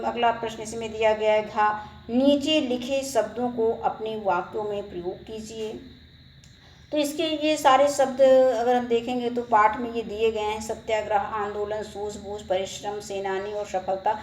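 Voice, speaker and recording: A woman teacher explaining a school textbook lesson, reading each question and answer in a steady, methodical way. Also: on the high side, reverberant, a little hiss or hum, poor audio.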